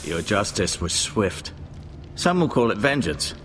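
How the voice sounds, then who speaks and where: A grave old castle maester. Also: male voice, lowish voice, sing-song, a bit bright. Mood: solemn. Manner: measured, solemn, advising. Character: grave older male castle maester, healer. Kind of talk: video game voice acting. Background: game music.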